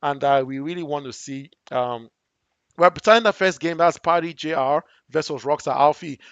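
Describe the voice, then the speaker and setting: High gravelly young man casting a game. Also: normal speed, dry recording, muffled recording. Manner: excitable, bursts into shouts at big plays. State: hoarse from long talking. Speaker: esports commentator and stream host. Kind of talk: solo live game commentary.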